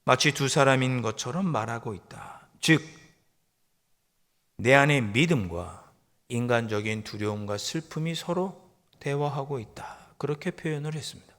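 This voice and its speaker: A man, a pastor, preaching a sermon that moves from calm explanation to loud, rising rebukes. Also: medium pitch, moderate pace. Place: church sanctuary. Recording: long church hall reverb.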